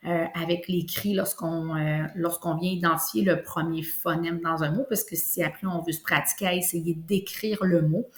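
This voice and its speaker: A woman with a Québécois French accent, teaching a kindergarten lesson and slowly stretching out sounds for young children. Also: fairly low pitch. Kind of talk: classroom lesson video. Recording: echoey room.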